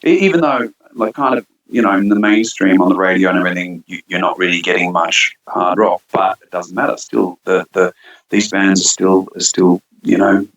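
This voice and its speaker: A man's voice: low-pitched, steady tone, normal speed, a bit bright, lo-fi sound. A man who grew up between Switzerland and Australia, a band singer chatting casually as an interview guest, rambling with many fillers and restarts.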